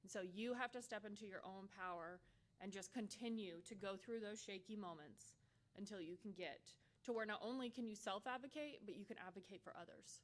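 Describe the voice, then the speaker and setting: A woman's voice: mid-range voice, fairly quick. A woman giving a conference workshop talk, candid and humorous with playful asides. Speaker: workshop presenter.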